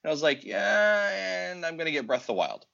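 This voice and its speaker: A man's voice: fairly high pitch, rapid-fire. A Canadian man on a podcast, telling a story and acting out the lines of a conversation. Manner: animated storyteller, acts out dialogue. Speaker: podcast co-host. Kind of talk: casual podcast chat. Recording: dull lo-fi audio.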